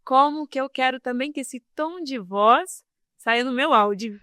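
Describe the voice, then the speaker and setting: A woman speaking as a podcast guest on communication, talking in a casual, expressive and emphatic way. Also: high-pitched, moderate pace, dry recording, clean studio sound.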